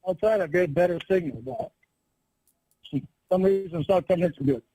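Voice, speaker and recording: A man talks over a phone line that glitches and cuts out, so his words arrive in broken fragments. His voice is dark and mellow and fairly high for a man, and the sound is dry. He speaks haltingly and leaves sentences unfinished. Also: breathy edge, no echo. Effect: phone call audio glitching and cutting out. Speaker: caller. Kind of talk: recorded phone call.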